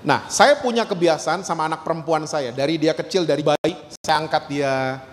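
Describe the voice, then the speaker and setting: Animated middle-aged male pastor in a reverberant hall. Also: on the high side, normal speed. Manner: animated storytelling, acting out quotes; mixes in English words. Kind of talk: sermon.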